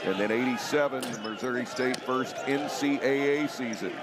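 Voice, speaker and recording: A male play-by-play commentator calls a live basketball game in clipped, short phrases. His pitch sits in the middle range for a man. Loud arena noise runs behind him throughout. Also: normal speed. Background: basketball arena ambience, bouncing ball.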